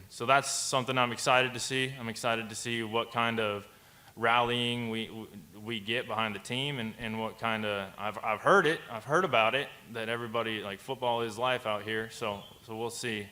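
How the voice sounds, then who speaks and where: A man's voice: medium pitch, fairly even intonation, moderate pace, bright, forceful tone. A man from Montana chatting casually in an interview, rambling and restarting sentences.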